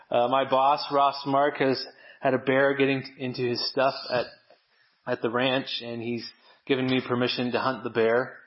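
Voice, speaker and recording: A man giving a sermon to a church congregation, talking in an easy, conversational way with self-deprecating asides. His voice sits at an ordinary middle pitch. The church recording sounds a little dull and lo-fi. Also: level tone, measured pace, long pauses. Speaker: preacher. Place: church service.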